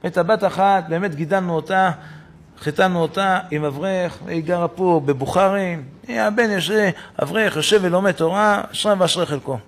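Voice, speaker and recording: A man giving voice to a worried elderly father who tells his story in a plain, rambling way, with a husky voice. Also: high voice. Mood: explaining.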